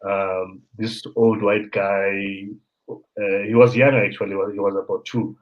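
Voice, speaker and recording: Low-voiced South African host, lo-fi. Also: male voice, unhurried. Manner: animated storyteller, mixes in local words. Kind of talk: casual conversation. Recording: dull lo-fi sound.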